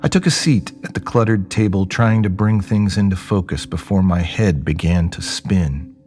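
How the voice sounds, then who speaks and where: Over soft background music, a man with a low, slightly mellow, natural-sounding voice speaks at a moderate pace. He plays the narrator and lead of an audio drama, a jaded young rebel recounting his story in a wry, conversational, rambling first-person way.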